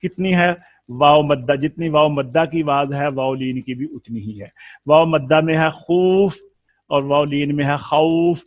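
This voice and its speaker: Man, recitation teacher, slightly high voice, dry close sound, patient drawn-out vowels. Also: dry recording, phone-quality sound. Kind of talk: explanatory lesson.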